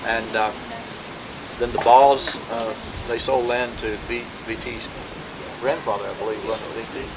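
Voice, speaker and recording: A man, talking informally to relatives at a family gathering in a rambling way with many pauses, heard on an old VHS home video. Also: medium pitch, steady tone, background noise. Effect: old VHS home video sound. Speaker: family historian speaking at a birthday gathering.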